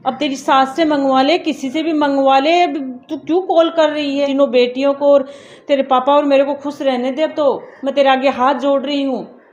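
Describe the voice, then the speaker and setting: An actress playing a cold, dismissive stepmother who shouts insults in a family drama. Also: sits high, sing-song, unhurried, reverberant. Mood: scolding. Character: harsh scolding stepmother, middle-aged woman. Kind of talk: amateur family short-film acting. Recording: dull lo-fi audio, soft music.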